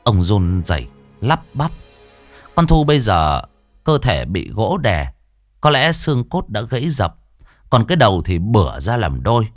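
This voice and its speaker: A man's voice: lowish voice, measured pace, no echo. A man narrating a ghost story dramatically. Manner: dramatic, expressive. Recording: dry studio voice with faint music.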